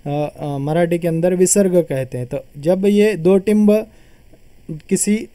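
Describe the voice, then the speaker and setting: A man's voice: high voice, mellow, dry recording. A man teaching a grammar lesson, patiently explaining and repeating terms as he sounds them out.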